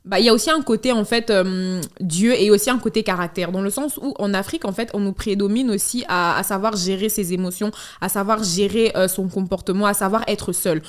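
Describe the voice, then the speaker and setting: A young woman speaking as a guest in a casual panel discussion, animated, laughing and apologizing as she talks. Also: mid-range voice, a little fast, hardly any pauses.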